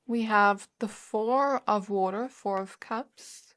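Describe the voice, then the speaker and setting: A woman hosting a pick-a-card tarot reading, her voice sitting in an ordinary middle range. She speaks to the viewer gently and reassuringly, musing aloud and pausing often to find the right words. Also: mid-range voice. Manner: musing, searching for words with frequent fillers. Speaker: tarot reader.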